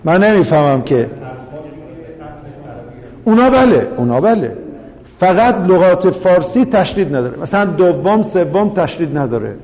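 A man's voice: high-pitched, animated, darkish tone. A man with a Yazdi Persian accent teaching a class about spelling and pronunciation, who explains step by step and asks the students questions before answering them. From Yazd, Iran. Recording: dull recording with long room reverb.

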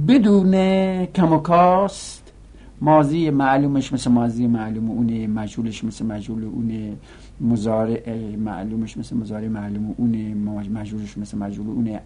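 A male teacher giving a lecture, chanting lists of word forms in a rising sing-song and dropping to a low murmur to explain. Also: vocal fry, slightly rough. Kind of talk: classroom lecture.

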